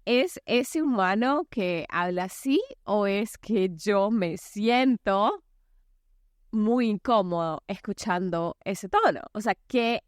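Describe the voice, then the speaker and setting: A woman's voice: medium pitch, animated, slow, dry recording, clean studio sound. A woman in her forties hosting a solo podcast as an anger coach, talking casually with many fillers. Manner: chatty, many fillers, acts out quoted voices.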